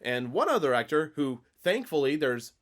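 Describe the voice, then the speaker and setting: Laughing, chatty man, slightly high voice. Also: very animated, moderate pace. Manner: chatty, laughing often, many "like" fillers. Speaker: podcast co-host. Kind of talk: casual chat.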